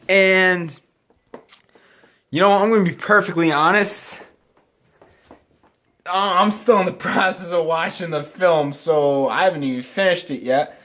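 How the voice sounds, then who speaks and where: A man with a slightly high voice, drunk and getting drunker, talks through a movie review. He rambles, doubles back on his sentences and drops crude slang and swearing as he goes. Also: a bit bright. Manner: rambling, loses his thread, restarts sentences; profane, crude slangy talk. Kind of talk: casual rambling film review to camera.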